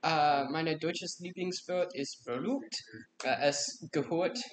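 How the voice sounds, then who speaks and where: Hesitant nineteen-year-old from Alabama. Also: male voice, a little high, steady tone, roomy sound, a little hiss or hum. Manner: hesitant, halting, many fillers. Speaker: podcast guest. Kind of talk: casual interview answers.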